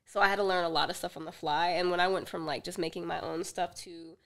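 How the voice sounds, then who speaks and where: A woman director chatting as a podcast guest, telling animated stories and acting out the other people in them. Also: lowish voice, quick pace, gravelly. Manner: animated storyteller who acts out dialogue with laughs. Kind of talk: casual podcast chat. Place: podcast studio.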